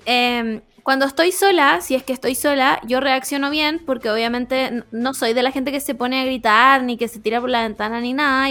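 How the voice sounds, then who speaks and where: A woman's voice: high voice, fairly bright tone. A young woman with a Chilean accent, co-hosting a casual chat and telling a story with lots of slang and laughter. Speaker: podcast co-host. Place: home room.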